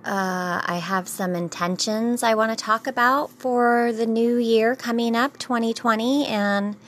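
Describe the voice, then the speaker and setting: Slow-talking bright woman hosting a spiritual vlog. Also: a little high, a little hiss or hum. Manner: relaxed, rambling with many fillers; gentle and affirming. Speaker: host of a daily spiritual vlog. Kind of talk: casual spiritual talk.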